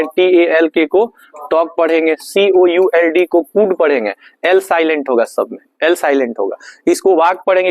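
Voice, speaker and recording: Male teacher, fairly high voice, dry close sound, quizzes his class. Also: darkish tone, no echo. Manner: asks the class questions and answers them himself; slows right down to spell out English phrases. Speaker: English teacher. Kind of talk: classroom lesson. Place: classroom with students.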